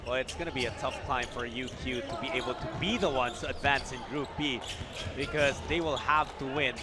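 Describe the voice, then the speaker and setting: A man's voice: mid-range voice, fairly quick. A man calling a basketball game live as play-by-play commentator. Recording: loud arena noise behind.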